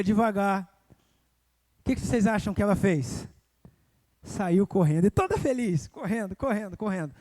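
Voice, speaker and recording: A young man preaching a sermon in church, telling a personal story and rising to loud emotional cries. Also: high-pitched. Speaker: evangelist preacher. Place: church sanctuary.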